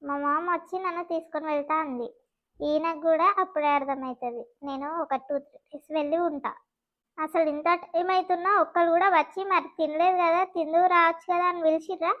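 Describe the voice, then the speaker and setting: A sulky, complaining young wife with a Telangana accent and a high voice, as a woman plays her. The audio is slightly dull and lo-fi. She grumbles in a cartoon family comedy. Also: steady tone, a little fast. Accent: Telangana Telugu. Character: sulky young married daughter.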